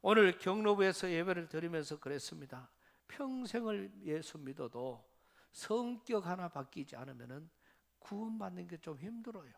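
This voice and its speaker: A man's voice: high-pitched, brisk, creaky. A male pastor with a Gyeongsang accent preaching a sermon, telling Bible stories and acting out the voices in them. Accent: Gyeongsang dialect. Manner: animated storytelling, acts out biblical voices.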